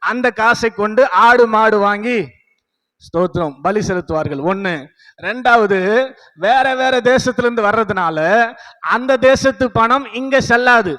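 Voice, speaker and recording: High-voiced preacher in an echoing hall. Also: male voice, pushed and bright. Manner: repeats "praise the Lord" and calls the congregation to say hallelujah; scolding, preachy, asks the congregation rhetorical questions. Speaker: pastor. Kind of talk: sermon.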